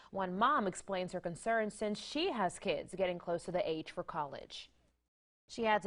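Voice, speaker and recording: Crisp upbeat woman newsreader. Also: mid-range voice. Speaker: news anchor and reporter. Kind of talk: TV news reading and studio banter.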